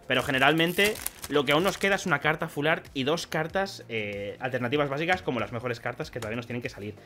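A young man from Spain with a Spanish accent, rambling chattily while opening trading card packs for his channel. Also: medium pitch. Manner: chatty, rambling, bursts into excited shouting and laughter. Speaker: card collecting youtuber. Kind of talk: pack opening vlog.

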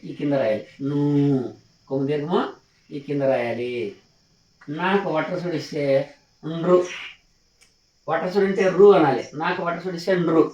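A man's voice: fairly high pitch, moderate pace, pauses often, a little mellow. Patient male teacher in an echoey room. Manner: patient, repetitive, asks questions to check understanding. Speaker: Telugu teacher. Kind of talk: classroom lesson on letter forms. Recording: echoey room, mic at a distance.

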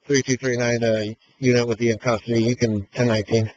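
Level-voiced man over a police radio. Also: mid-range voice. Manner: calm, matter-of-fact, halting. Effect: heard over a police radio. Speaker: police officer. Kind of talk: radio traffic with codes. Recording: muffled radio transmission.

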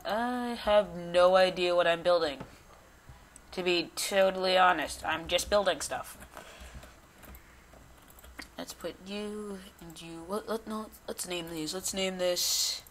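A man giving casual gameplay commentary, rambling and chatty with many restarts and quick bursts of excitement at small finds. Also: sits high, a little hiss or hum. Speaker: gamer recording gameplay.

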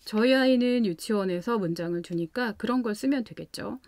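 A woman's voice: mid-range voice, a little fast, dry recording. Patient woman explaining a lesson. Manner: calm, patient, explains step by step with examples. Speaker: parenting channel host teaching English at home.

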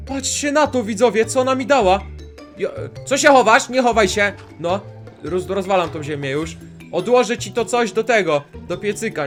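Excitable high-voiced man gaming. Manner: excitable, talks to viewers, jumpy outbursts. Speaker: gaming video host. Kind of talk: Minecraft let's play commentary.

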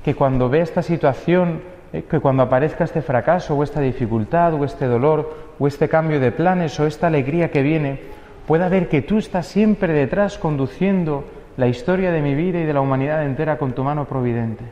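A man's voice: on the high side, a little fast, warm tone, roomy sound, in a large hall, muffled recording. A young male priest giving an earnest homily, posing rhetorical questions.

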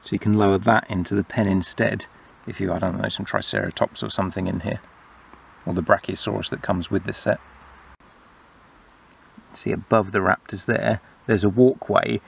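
A man casually narrating a toy playset review, explaining the features in a relaxed way. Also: fairly low pitch, moderate pace, gravelly, long pauses, breathy edge.

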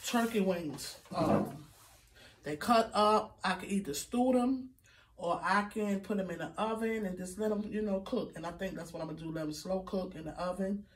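A middle-aged vlogger chats casually with her viewers in her home kitchen during a grocery haul video, full of fillers and "okay, guys" asides. Her voice is mid-range at a normal speed. A phone camera on the counter a few feet away captures her distantly, with background noise.

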